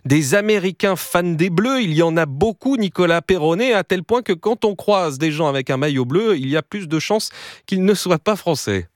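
A man anchoring a morning radio news bulletin, reading in a clear, measured way. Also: sits high, lively intonation, no room sound, clean studio sound. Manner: clear, measured newsreader delivery.

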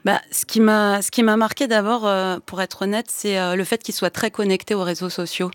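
A woman's voice: mid-range voice, steady tone, normal speed, dry recording. A woman from Iran, a comic author being interviewed, answering with many hesitations and fillers. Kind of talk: interview answers, reading aloud.

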